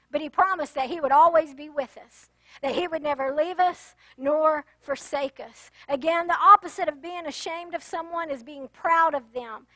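A woman's voice: extremely high pitch, fairly bright tone, no room sound, rough recording. A woman pastor preaching an earnest sermon that rises to emphatic exhortation.

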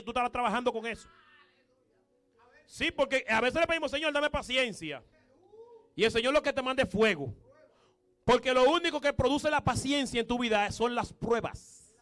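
Male preacher, very high pitch, emphatic and repetitive sermon. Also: fairly bright tone. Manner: emphatic, repetitive, punchy exclamations.

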